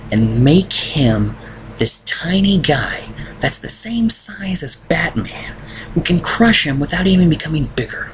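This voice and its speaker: A man's voice: mid-range voice, fairly bright tone, rough recording. A young man casually reviewing a film from a room at home, exasperated and ranting. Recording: noticeable background noise.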